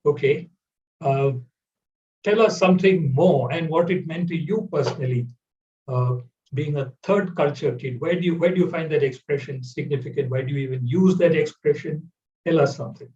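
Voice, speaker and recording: Soft-spoken man interviewing on a call. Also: on the high side. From India. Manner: measured, hesitant with fillers. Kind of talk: conversational interview. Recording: roomy, distant, dull audio.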